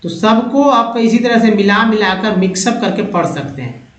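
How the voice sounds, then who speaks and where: A man teaching English pronunciation from slides, patiently repeating and sounding out words slowly, often checking with his viewers. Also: high voice, lively intonation, fairly bright tone. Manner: addresses viewers as friends, checks with "है ना". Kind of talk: slide-based language lesson. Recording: echoey room, dull lo-fi sound, faint hiss.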